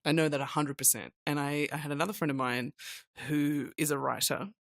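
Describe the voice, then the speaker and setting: A woman's voice: deep voice, fairly even intonation, a little fast, a little hiss or hum. A middle-aged woman co-hosting a podcast, explaining her views in casual conversation. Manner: thoughtful, explanatory. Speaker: podcast co-host.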